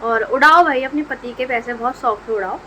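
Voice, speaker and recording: A woman's voice: fairly high pitch, fairly quick, pushed and bright, slight background noise, low-quality recording. A young woman vlogger in her twenties with a Hindi accent, chatting jokingly to her viewers at home. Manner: joking, chatty, addresses friends. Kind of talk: casual vlog chat.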